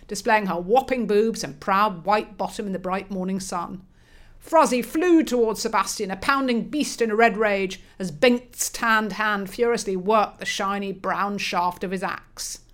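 A woman narrating a comic audiobook with brisk, crisp storytelling. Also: medium pitch.

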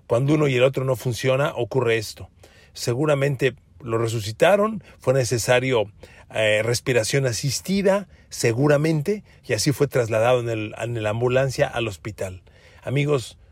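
A man's voice: mid-range voice, no echo. A man with a Mexican Spanish accent hosting a sports podcast, speaking emphatically, calling listeners friends and repeating words for stress. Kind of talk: sports commentary monologue.

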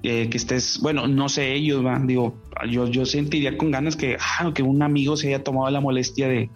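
A man's voice: medium pitch, level tone, brisk, lo-fi sound, soft background music. A male podcast host, chatting in a chummy, slangy, rambling way. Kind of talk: casual podcast chat.

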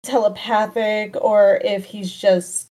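A woman co-hosting a casual podcast, deadpan and crude in her jokes. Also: mid-range voice, takes it slowly, poor audio. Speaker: podcast co-host.

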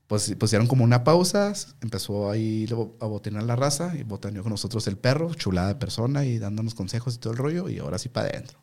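A young man with a lowish voice and a Mexican Spanish accent tells a story as a guest in a casual interview. He's slangy and animated, acting out the voices of the people he quotes.

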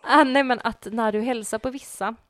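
A woman with a Swedish accent, co-hosting a podcast in casual chat, telling stories with animated acted-out quotes and frequent laughter. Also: a little high, no echo, clean studio sound. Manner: animated storyteller, acts out quotes, laughs often. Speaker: podcast co-host.

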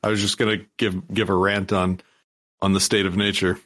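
A man's voice: low voice, flat delivery, a little fast, fairly bright tone. A man who is a guest on a podcast, explaining a topic in a rambling way with frequent restarts. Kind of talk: casual podcast conversation.

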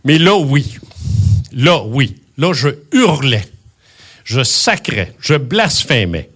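A man in his seventies with a Québécois accent, telling a personal story in an emphatic, animated way and swearing often. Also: medium pitch, slow pace, breathy edge. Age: 70s.

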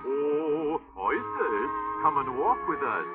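An actor playing a jolly, wily walrus in verse for an old radio play, with a theatrical, hearty, sing-song walrus voice. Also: male voice, fairly high pitch, sing-song, slow. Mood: jolly, coaxing. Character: jolly, wily walrus, smooth-talking tempter. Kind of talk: 1950s radio drama acting in verse. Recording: tinny old radio recording. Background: music.

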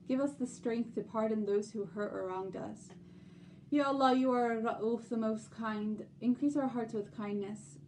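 A woman hosting a religious lesson podcast, gently explaining and reading translations and prayers aloud. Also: on the high side, fairly even intonation, unhurried, recorded from a distance, a little hiss or hum, low-quality recording. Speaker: podcast host.

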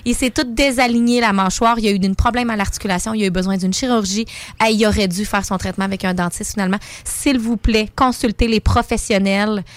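Quebec French woman hygienist, insistent, mid pitch, dry studio sound. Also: steady tone, quick pace, no echo. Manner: earnest, insistent warnings. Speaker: dental hygienist guest. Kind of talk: casual radio chat.

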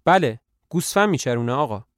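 A man's voice: medium pitch, expressive, no room sound, clean studio sound, close to an everyday voice. A man doing a timid, frightened young boy. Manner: meek, polite, short answers.

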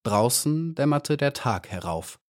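A man narrates a classic children's tale, his voice mid-pitched and ordinary for a man. He reads in a measured, expressive way, shaping each sentence for listening. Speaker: audiobook narrator. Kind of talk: storybook reading.

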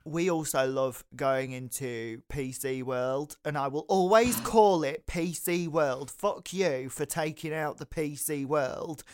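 A man's voice: a little high, takes it slowly, few pauses, darkish tone, smooth, no room sound, studio quality. A young British man co-hosting a casual comic podcast, chatting in a rambling, enthusiastic, giggly way. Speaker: podcast co-host.

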